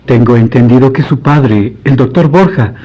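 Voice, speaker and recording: In a radio drama, a man plays a devout, courteous priest, speaking formally, earnestly and with measured piety. His medium-pitched voice has a dark tone and is lightly acted, heard through a dull lo-fi radio recording.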